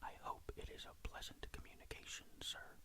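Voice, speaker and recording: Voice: a little fast, close to an everyday voice. Storyteller acting a plucky young secretary, whispered role-play. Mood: polite. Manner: polite, eager. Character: plucky, deferential young male private secretary.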